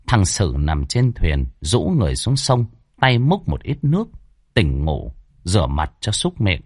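A man narrating a ghost story from a script, with a dramatic, varied delivery and tense pauses. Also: deep voice, big pitch swings, slightly rough, dry recording, clean studio sound.

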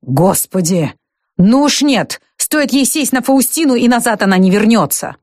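A woman reading an audiobook voices an angry young husband, a captain, with a rough, barking delivery. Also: medium pitch, animated, fast, no echo, clean studio sound, close to an everyday voice. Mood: rough anger.

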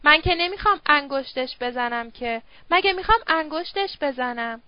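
A woman voicing a drunk, smooth-talking middle-aged male opium user who coaxes and wheedles. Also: sits high, expressive, no room sound, muffled recording. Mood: coaxing. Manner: wheedling, slurred persuasion.

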